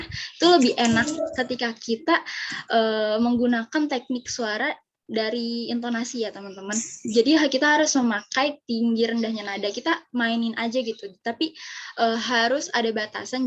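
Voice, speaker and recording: A young woman with an Indonesian accent giving a casual public speaking lesson, chatty and full of fillers. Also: fairly high pitch. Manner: chatty, many fillers, demonstrates MC greetings. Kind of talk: casual instructional talk. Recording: lo-fi muffled recording.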